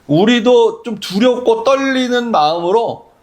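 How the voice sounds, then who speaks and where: A man's voice: very high voice, expressive, measured pace. A man preaching a sermon as pastor, conversational and full of rhetorical questions.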